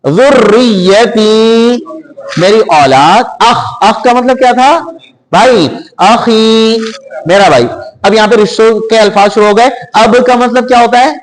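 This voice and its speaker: A man teaching a Quran vocabulary lesson. He stretches each word out slowly, then glosses it quickly and questions the class. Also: high voice, long reverb tail, poor audio.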